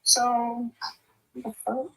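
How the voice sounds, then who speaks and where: A woman's voice: fairly high pitch, level tone, takes it slowly, vocal fry, low-quality recording. A woman in her thirties in casual chat, blunt and swearing freely.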